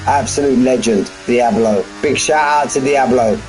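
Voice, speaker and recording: A man's voice: mid-range voice, normal speed, a little mellow, soft background music, poor audio. A man giving live race commentary on a stream from his front room at home, chatty and full of banter with his viewers. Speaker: sim racing commentator.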